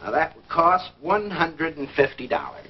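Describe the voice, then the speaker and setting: Pompous high-voiced American lodge man. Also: huge pitch swings, normal speed, breathy edge, exaggerated voice. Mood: businesslike, proud. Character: self-important, glad-handing lodge committee chairman. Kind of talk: mid-century American radio comedy acting. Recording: dull, faintly noisy vintage radio recording.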